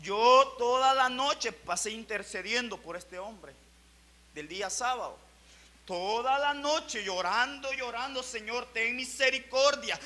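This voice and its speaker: Male pastor, sermon delivery, very high and piercingly bright voice, fervent with surging volume. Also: animated, takes it slowly. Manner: fervent preaching with swelling and dropping loudness.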